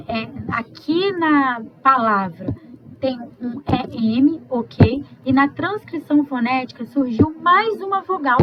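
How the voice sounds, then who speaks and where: A woman teaching an online review lesson, explaining step by step, slowly repeating sounds and checking in with her students. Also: high-pitched, dull audio, slight background noise.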